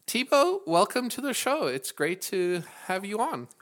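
A man's voice: high voice, sing-song, unhurried, fairly bright tone. A man hosting a podcast, interviewing a guest in a friendly, upbeat way. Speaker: podcast host.

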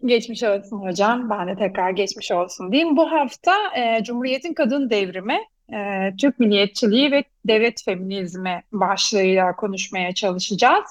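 Female talk host, medium pitch, explains with pauses, very dry sound. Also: dry recording. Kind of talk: semi-scripted programme presenting.

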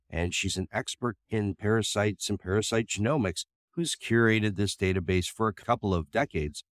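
A man hosting a podcast, talking in a relaxed, chatty way through a tinny microphone that makes him sound like he is in a tin can. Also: on the low side, dry recording, studio quality. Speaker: podcast host. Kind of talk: casual podcast introduction. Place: makeshift spot away from his usual studio.

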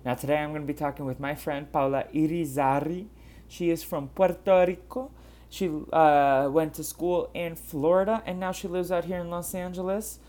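A man's voice: fairly high pitch, fairly even intonation, moderate pace, darkish tone. A man from Brazil hosting a casual podcast interview, chatty and loose, with many fillers and restarts. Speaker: podcast host.

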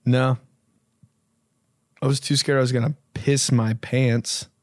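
A man's voice: mid-range voice, level tone, takes it slowly, no room sound, studio quality. A young man hosting a podcast, answering listener questions in a laid-back, rambling, profane way. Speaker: podcast host. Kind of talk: casual podcast chat.

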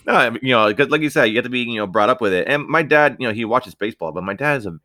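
Young man, podcast host, casual chat, joking, bright tone, dry close sound. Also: mid-range voice, lively intonation, racing, no echo. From United States. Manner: joking, laid-back.

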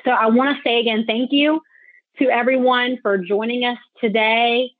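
A woman's voice: on the high side, fairly even intonation, moderate pace, dry recording. A woman financial advisor giving an informal webinar, talking conversationally and directly to her listeners. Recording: tinny phone-like line.

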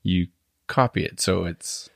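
A man hosting a podcast interview, asking quick, curious questions and laughing often in casual chat. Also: sits low, creaky, a bit bright, no echo, clean studio sound. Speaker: podcast host.

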